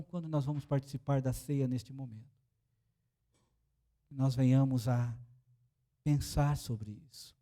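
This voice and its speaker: A man's voice: medium pitch, mellow. A Brazilian man preaching as a pastor in a church, telling a story and acting out the dialogue. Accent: Brazilian Portuguese. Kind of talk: sermon with storytelling.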